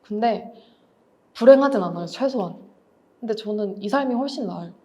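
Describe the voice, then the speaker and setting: A woman's voice: medium pitch, lively intonation, a little fast, dark tone. A woman in her thirties, an author and writing teacher, giving a candid, reflective talk and explaining with everyday examples. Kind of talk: lecture talk.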